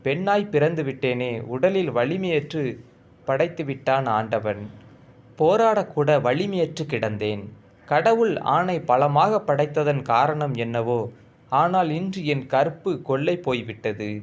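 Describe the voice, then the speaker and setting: A man's voice: fairly high pitch, expressive, measured pace, dull audio. A man narrating a first-person story in a solemn, emotional reading.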